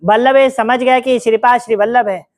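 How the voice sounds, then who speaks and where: A woman tells a devotional story in a lively, engaged way, often turning to ask her listeners whether they follow. Her voice sits a little high. The recording is dry, with no room sound. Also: fairly quick, no room sound. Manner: narrates vividly, asks listeners questions.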